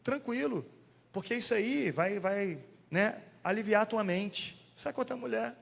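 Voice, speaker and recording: A man's voice: high voice, a little slow, vocal fry, full character voice. A man doing a breezy worldly buddy. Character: worldly male buddy giving bad advice.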